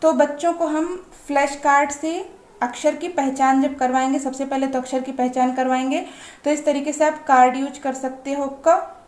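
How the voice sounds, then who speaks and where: A woman teaching parents how to pronounce the letters of an alphabet, explaining patiently and drawing out each letter sound slowly. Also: high-pitched, steady tone, darkish tone, roomy sound. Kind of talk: slow explanatory lesson.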